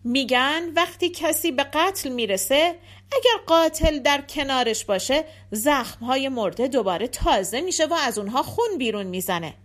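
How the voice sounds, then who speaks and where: A woman's voice: sits high, animated. A woman as a grieving, accusing widow queen. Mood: declaring. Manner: accusing, loud.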